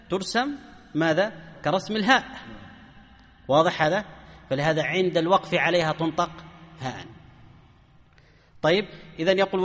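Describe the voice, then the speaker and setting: High-voiced man teaching in an echoey hall. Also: fairly bright tone. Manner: asks the class questions and answers them himself. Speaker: grammar teacher. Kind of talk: classroom lesson explaining a grammar poem.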